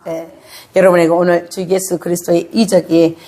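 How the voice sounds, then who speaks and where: A middle-aged woman pastor preaching a sermon, animated and teasing, asking the congregation questions, laughing, and breaking into shouts and a tearful tone. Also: fairly low pitch, moderate pace.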